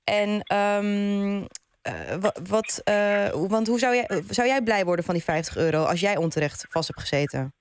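A woman hosting a live radio phone-in, calmly summing up what callers say and taking their calls. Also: medium pitch, moderate pace, clean tone, no room sound. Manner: calm, summarising callers' points. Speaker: radio host. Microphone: studio microphone.

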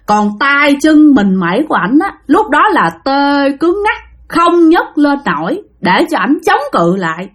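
A woman with a Southern Vietnamese accent tells a ghost story directly to her listeners, lively and dramatic. Her voice is high and her pace measured.

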